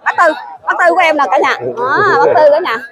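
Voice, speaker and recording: A woman's voice: high-pitched, a little fast. A woman vlogger with a Southern Vietnamese accent, chatting casually to viewers at a crowded wedding feast, talking to her phone camera. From Mekong Delta, Vietnam. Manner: chatty, addresses viewers constantly. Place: crowded outdoor wedding party. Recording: noisy crowd behind.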